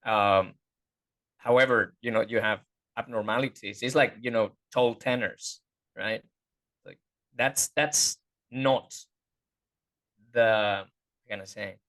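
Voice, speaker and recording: A man, a voice teacher being interviewed, talking casually and often pausing to search for words. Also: on the low side, fairly even intonation, fairly bright tone. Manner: hesitant, searching for words, many fillers. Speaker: guest voice teacher.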